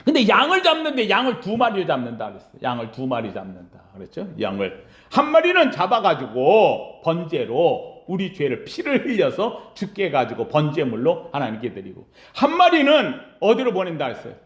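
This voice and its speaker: A man preaching a Sunday sermon as pastor in a church sanctuary, asking the congregation questions and answering them himself, swinging between loud cries and hushed low lines. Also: wildly swooping pitch, normal speed, echoey room.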